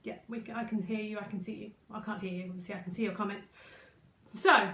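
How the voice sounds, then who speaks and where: A woman's voice: medium pitch, fairly even intonation, fast, vocal fry, echoey room, a little hiss or hum. A woman business coach hosting a live stream, chatting loosely with viewers and reading out their comments. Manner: chatty, rambling, reads out viewer comments warmly.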